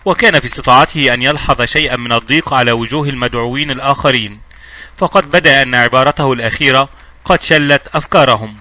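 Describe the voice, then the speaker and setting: A man narrating a novel aloud as an audiobook, in a brisk storytelling manner with small slips and restarts. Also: mid-range voice, sharp tone.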